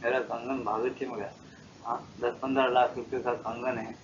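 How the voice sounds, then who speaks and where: A man's voice: medium pitch, little pitch movement, moderate pace, noisy background, voice pushed down, close to an everyday voice. An older man voicing a frightened rich queen who pleads anxiously for help, on a dull old tape recording. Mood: pleading.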